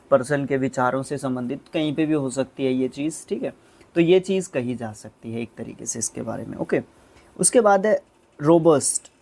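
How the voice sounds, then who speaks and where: A man teaching English vocabulary in an online lesson, explaining slowly, spelling words out and correcting himself aloud. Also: mid-range voice, darkish tone.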